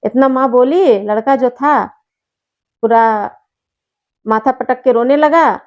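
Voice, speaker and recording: A woman telling a devotional story in a homely, moralizing manner. Her voice is high, and the recording sounds slightly dull and muffled. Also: slow pace.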